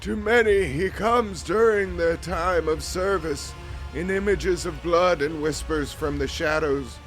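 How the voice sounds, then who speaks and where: Withered vizier of a death cult played by a man, video game role: raised pitch, solemn, thunderous, ceremonial proclamations. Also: measured pace, a bit bright, soft background music. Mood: solemn warning. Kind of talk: video game dialogue read aloud.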